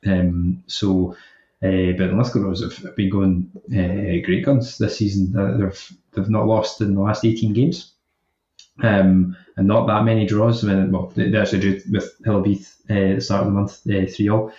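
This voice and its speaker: In a roomy, slightly dull recording, a man with a lowish voice chats casually about sport. He speaks in a halting, measured way as a panellist. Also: level tone, dark tone. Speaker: football podcast panellist. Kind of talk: casual football chat. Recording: roomy, slightly muffled sound.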